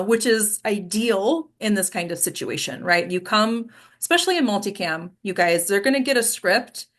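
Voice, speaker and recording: A woman with a mid-range, fairly bright voice hosts a casual, instructive discussion where she coaches actors. She frequently checks in with short tag questions.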